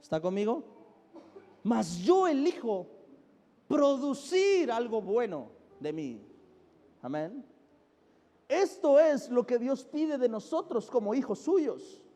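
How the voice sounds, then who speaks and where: High-voiced Mexican pastor preaching in a hall. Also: male voice, big pitch swings, slow pace, pauses often. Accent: Mexican Spanish. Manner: emphatic, shifts between loud stress and soft drops, calls for amens. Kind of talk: sermon. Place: large church hall. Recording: echoey church hall with music behind.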